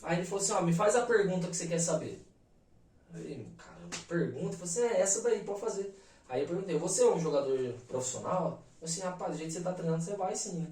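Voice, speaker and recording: A Brazilian man in his thirties, a podcast guest, telling a personal story in an animated, emphatic way full of slang fillers. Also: high voice, fast. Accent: Brazilian Portuguese. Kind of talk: casual storytelling. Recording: roomy echo, mic at a distance.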